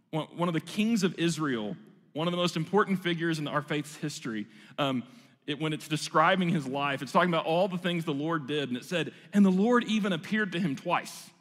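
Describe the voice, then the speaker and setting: A man's voice: a little high, a bit bright, big-room sound. A male pastor giving a sermon in a church, conversational and self-deprecating. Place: church sanctuary.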